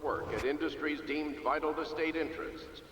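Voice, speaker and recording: An actor playing a stern official announcer, speaking formally over a loudspeaker. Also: male voice, fairly high pitch, fairly even intonation, moderate pace, a little hiss or hum. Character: stern male public address announcer of a regime. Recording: echoey loudspeaker with long reverb.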